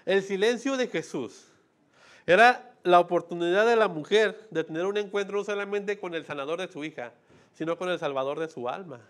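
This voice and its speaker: A man's voice: high voice, moderate pace. A man preaching a sermon in a conversational way, often asking "¿no?" and "¿sí?" and acting out quoted voices as asides. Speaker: pastor.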